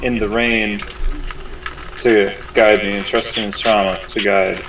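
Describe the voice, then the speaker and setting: A man playing a tabletop game, describing his character's actions in first person, deliberately and haltingly. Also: lowish voice, little pitch movement, background noise. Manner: deliberate, halting, searching for words. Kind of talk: improvised first-person role-play description. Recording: distant microphone.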